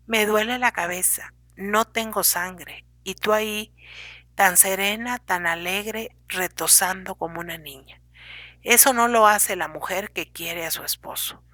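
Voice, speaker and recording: A woman's voice: medium pitch, bright, forceful tone, no room sound. A woman reading as a sick, reproachful old husband. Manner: lecturing, complaining, pleading. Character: ailing older husband, stern and reproachful.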